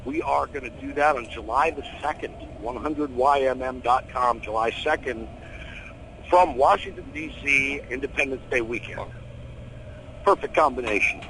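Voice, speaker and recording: A middle-aged American man chatting casually in an interview, animated, opinionated and full of slang. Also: medium pitch, normal speed, slight background noise, poor audio. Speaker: horror host being interviewed.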